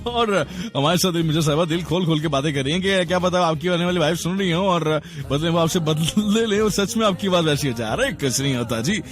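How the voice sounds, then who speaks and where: Male radio host, high pitch, jokey and teasing, music bed underneath. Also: fairly quick. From Pakistan. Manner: jokey, laughs often, teasing callers. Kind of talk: lively radio show banter. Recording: radio broadcast with music behind.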